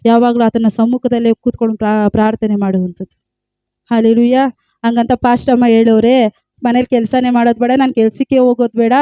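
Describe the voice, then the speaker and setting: A woman's voice: on the high side, mellow, no room sound. A woman preaching a sermon with a Kannada accent, emphatic, repeating phrases and calling out hallelujah.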